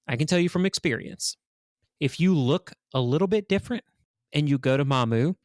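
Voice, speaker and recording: A man's voice: fairly high pitch, expressive, fairly quick, no echo, studio quality. A man from Louisiana hosting a conversational analysis show, explaining carefully and correcting himself as he goes. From Louisiana, United States. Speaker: podcast host and analyst.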